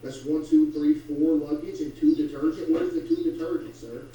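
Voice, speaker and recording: A man's voice: on the high side, wildly swooping pitch, moderate pace, mellow. A man streaming a border checkpoint game, playing a teasing, mock-official guard and chatting with his viewers between laughs. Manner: playful, teasing, laughs often, talks to chat. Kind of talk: casual gameplay commentary with mock-official role-play. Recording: very echoey room, mic far off.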